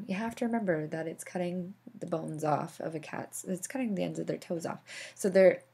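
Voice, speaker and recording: A woman's voice: lowish voice, a little mellow, slightly rough. A woman instructor explaining anatomy over slides, with casual asides and fillers. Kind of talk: recorded slideshow lecture.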